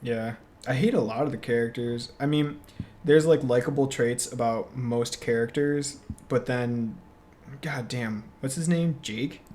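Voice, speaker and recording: A man co-hosting a podcast, chatting casually about movies, relaxed and quick to laugh. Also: medium pitch, a little hiss or hum. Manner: relaxed, laughs often, lots of fillers. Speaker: podcast co-host. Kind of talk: casual movie review chat.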